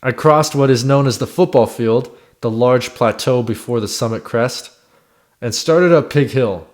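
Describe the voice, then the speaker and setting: A man's voice: medium pitch, unhurried, a little mellow, slight background noise. A man reading a scripted first-person voice-over about his own expedition in a reflective storytelling way. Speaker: climber narrating own expedition.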